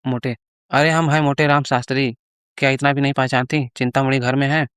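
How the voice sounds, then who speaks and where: A man's voice: medium pitch, little pitch movement, fairly quick, a bit bright, smooth, no room sound, studio quality, lightly acted. A man voicing a greedy, boastful priest who brags and coaxes. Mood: pleading. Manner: boastful, coaxing.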